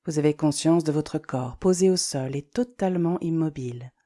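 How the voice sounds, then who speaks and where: In a low-pitched voice, she talks listeners through a guided yoga nidra session, slow and gentle, letting deliberate silences fall between instructions.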